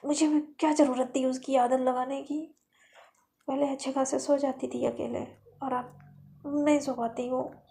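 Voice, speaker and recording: A woman voicing Lovely, a talkative schoolgirl who scolds in quick, indignant bursts. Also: high voice, little pitch movement, vocal fry, mellow. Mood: sleepless grumbling. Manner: rapid scolding complaints.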